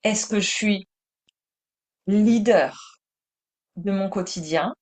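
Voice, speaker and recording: French woman teaching meditation, calm and soothing, very slow delivery. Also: mid-range voice.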